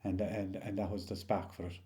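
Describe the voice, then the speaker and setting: Mellow older Irishman from rural Limerick, reminiscing. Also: deep voice, little pitch movement. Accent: rural County Limerick Irish. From County Limerick, Ireland. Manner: halting, rambling, anecdotal. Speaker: interview guest, local storyteller. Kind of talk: oral history reminiscence, casual storytelling.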